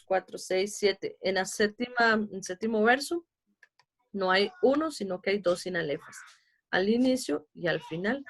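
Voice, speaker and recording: A Costa Rican woman teaching an online class, patiently explaining poetry meter step by step and counting syllables aloud. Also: mid-range voice. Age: adult with a child.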